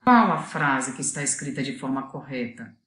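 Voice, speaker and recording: A woman's voice: very deep voice, animated, normal speed, fairly bright tone, reverberant. A woman teacher with a Brazilian Portuguese accent gives a video lesson, explaining patiently and asking the students to think.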